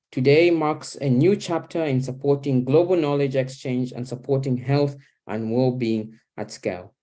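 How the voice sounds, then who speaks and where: A man's voice: mid-range voice, mellow. Young man moderating an online panel. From Zambia. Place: small home kitchen. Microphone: laptop webcam video call.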